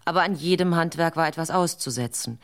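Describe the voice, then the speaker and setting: A woman narrating an old folk tale for radio in a low, unhurried voice. She keeps a dry, wry tone throughout and lets the foolishness speak for itself. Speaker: storyteller.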